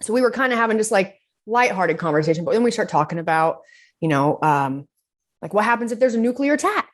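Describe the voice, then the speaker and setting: A woman's voice: medium pitch, expressive, fast. A woman from Utah co-hosting a podcast, telling rambling stories full of fillers and bursts of laughter. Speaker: podcast co-host. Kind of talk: casual chat.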